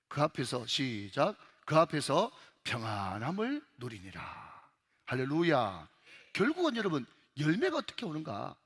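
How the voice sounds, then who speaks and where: High, lively Gyeongsang pastor preaching. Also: male voice, husky, in a large hall. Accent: Gyeongsang Korean. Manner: emphatic, repeatedly addressing the congregation. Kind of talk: sermon. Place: church sanctuary.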